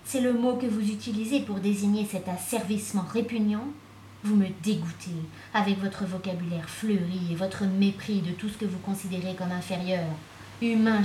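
A woman's voice: medium pitch, a little mellow, recorded from a distance, a little hiss or hum, natural voice. A woman reading the lines of a curt, resentful man in an audiobook, with abrupt angry outbursts, in an echoey room.

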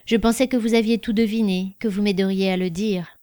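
A woman's voice: mid-range voice, fairly even intonation, fairly quick, mellow, no echo, clean studio sound, natural voice. Troubled man, read by a woman, guarded, hesitant, earnest, storybook.

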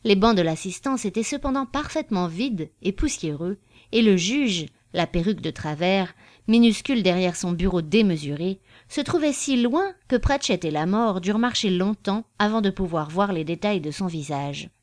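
A woman narrating a story in a measured, expressive reading style. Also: mid-range voice.

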